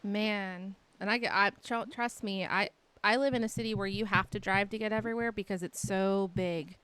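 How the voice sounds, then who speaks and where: Young woman streamer, light Texan twang, chatty and rambling, average pitch. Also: fairly even intonation, normal speed, fairly bright tone, clear, resonant tone. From Texas. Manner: rambling, chatty, lots of "like" fillers. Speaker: livestreamer. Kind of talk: casual chat with stream viewers.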